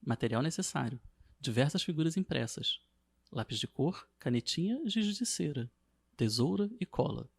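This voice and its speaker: A man narrating a scripted lesson as a teacher, in a steady, measured reading. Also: fairly high pitch, vocal fry, slightly rough.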